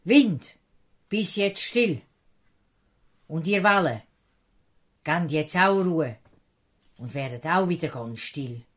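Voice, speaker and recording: A woman with a Swiss German accent voicing Jesus as a calm grown man who speaks in firm, loud commands, in a children's storybook. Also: low-pitched, slow, pauses often, full character voice. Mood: commanding.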